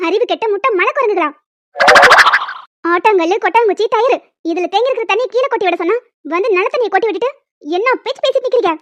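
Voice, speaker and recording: A woman voicing a bossy old village grandmother in a cartoon, who shouts insults and threats. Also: extremely high pitch, fast talker, dull audio. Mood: furious scolding.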